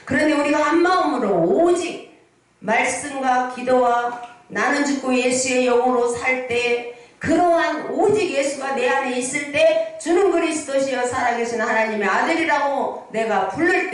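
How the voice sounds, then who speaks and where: A high-voiced woman in her sixties preaches a little slowly as pastor, weaving stories and often asking the congregation rhetorical questions. She is in a large, echoey prayer hall, heard from a distance by the mic.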